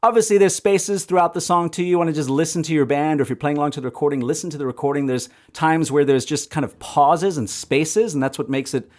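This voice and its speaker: A man giving an acoustic guitar lesson, explaining strumming patterns and counting sixteenth notes out loud in a relaxed, explanatory way. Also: fairly high pitch, fast talker, hardly any pauses. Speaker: guitar teacher. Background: acoustic guitar playing.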